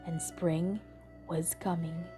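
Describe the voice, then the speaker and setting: A woman reading a children's picture book aloud in a gentle, deliberate way. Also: lowish voice, flat delivery. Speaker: storybook reader. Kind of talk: children's read-aloud narration. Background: soft instrumental music.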